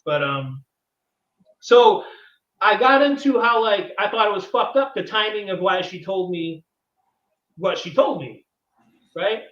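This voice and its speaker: Profane ranting man, high voice, echoey. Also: lively intonation, a bit bright. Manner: profane, exasperated, rapid storytelling. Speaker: podcast host. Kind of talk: ranting casual chat. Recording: echoey room, distant dull mic.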